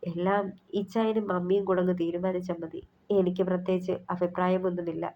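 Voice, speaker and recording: Woman doing a sad young woman, soft and resigned, muffled audio. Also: on the low side, flat delivery, fairly quick, natural voice. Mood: sorrowful. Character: heartbroken young woman in unrequited love. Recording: slightly muffled recording.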